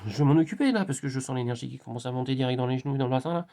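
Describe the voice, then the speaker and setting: Guy doing a gushy excitable spirit lady, all exclamations, pitched up high. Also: racing. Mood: excited. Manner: gushing, exclamatory. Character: excitable spiritual woman feeling energy rising.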